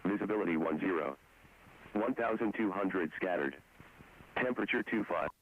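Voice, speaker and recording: A man reading a recorded airport weather and runway broadcast over aircraft radio, in a steady, clipped, rote delivery. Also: sits low, normal speed. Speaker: airfield information broadcast. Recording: tinny radio transmission with faint noise.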